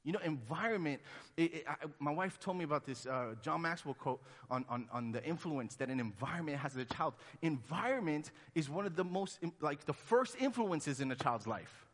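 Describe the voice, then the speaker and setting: Preaching a sermon in an easygoing, conversational manner, a pastor from Honduras takes on the voices of the people he quotes. His voice is somewhat high for a man, expressive and fairly quick, with wide pitch swings, and a long hall reverb lingers after each phrase.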